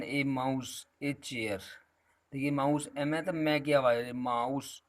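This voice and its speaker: A man teaching a grammar lesson, explaining patiently and calling his students "beta" again and again. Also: mid-range voice.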